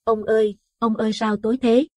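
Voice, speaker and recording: A man's voice: sits high, level tone, fairly quick, darkish tone, no echo, voice pushed up. A man voicing a terrified middle-aged village wife, pleading and chanting in panic. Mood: frightened.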